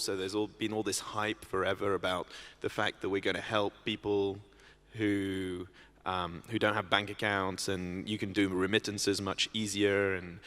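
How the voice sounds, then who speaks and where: A man's voice: lowish voice, a bit bright. A man speaking as a panelist in a conference discussion, often hesitating and restarting his sentences. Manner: hesitant, many restarts and ums. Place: conference stage. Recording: reverberant conference hall.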